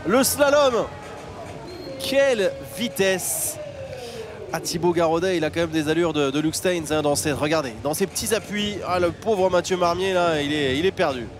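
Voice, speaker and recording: A man's voice: a little high, normal speed. A man giving live handball commentary in an exclamatory, emphatic way. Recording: loud music bed under broadcast commentary.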